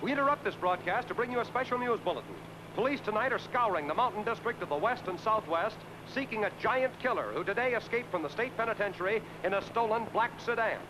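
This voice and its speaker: A brisk radio bulletin announcer. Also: male voice, high voice, expressive. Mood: urgent. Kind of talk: urgent news bulletin. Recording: old film soundtrack with noisy background.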